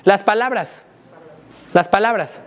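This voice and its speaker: With a high, slow voice, a sales trainer with a Mexican Spanish accent leads a live workshop. He keeps things lively and often throws questions out to the room.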